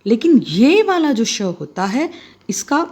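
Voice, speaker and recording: A woman's voice: fairly high pitch, sing-song, a little slow, darkish tone, husky. A middle-aged woman teaching children to write letters, spelling them out one at a time with patient explanations. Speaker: Hindi teacher. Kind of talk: handwriting lesson for children.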